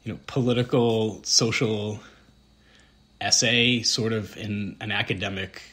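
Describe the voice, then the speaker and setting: Man, Boston accent, low voice, casual podcast chat, rambling, self-deprecating. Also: steady tone, unhurried, a bit bright. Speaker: podcast co-host. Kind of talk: casual conversation.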